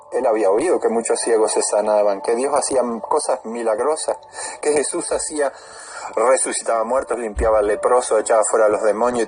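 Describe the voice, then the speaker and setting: Man, preacher, earnest sermon, mid-pitched voice, radio broadcast, faint music behind. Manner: earnest, rising to loud cries when voicing the blind man's pleas.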